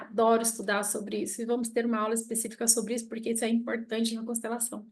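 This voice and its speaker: High-voiced Brazilian woman teaching. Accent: Brazilian Portuguese. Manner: storytelling, emotional, with frequent "tá?" check-ins. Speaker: family constellation teacher. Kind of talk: casual spoken lesson.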